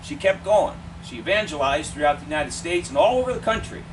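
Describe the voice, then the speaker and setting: A man preaching a funeral eulogy in measured, deliberate short phrases with pauses. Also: fairly high pitch, over music. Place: funeral service, speaker away from the mic. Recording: distant mic, clear steady air-conditioning noise.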